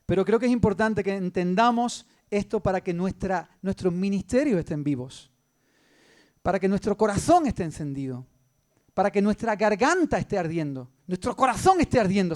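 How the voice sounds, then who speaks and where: High-voiced Andalusian pastor preaching. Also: male voice, normal speed. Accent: Andalusian Spanish. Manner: animated preaching, swings between loud emphasis and hushed storytelling. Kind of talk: sermon.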